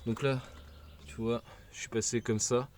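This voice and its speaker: Laid-back man walking viewers through a car repair, informal, average pitch, faint outdoor noise. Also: little pitch movement, a little slow, a little mellow. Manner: informal, slangy, addresses viewer as "tu". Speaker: car mechanic tutorial host. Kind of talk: casual how-to explanation.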